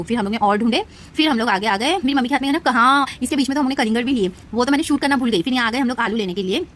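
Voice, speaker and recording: A young woman narrates her day as a vlog voice-over, talking very fast in a playful, rambling, self-teasing way. Her voice sits a little high. A faint background hum runs under the recording. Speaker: vlogger.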